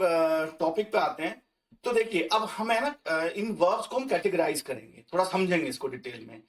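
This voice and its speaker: A man's voice: high-pitched, fairly bright tone, recorded from a distance. A man teaching German grammar as a screen-recorded lesson, talking conversationally with fillers and restarts. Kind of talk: explaining German grammar in Hindi.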